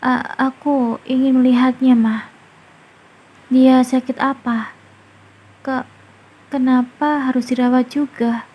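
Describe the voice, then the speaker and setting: A woman's voice: high-pitched, level tone, slow, pauses often, dark tone, husky, exaggerated voice. A woman voicing a tearful young wife who stammers and pleads through sobs, in a storybook narration. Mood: pleading tearfully. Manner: stammering, sobbing pleas.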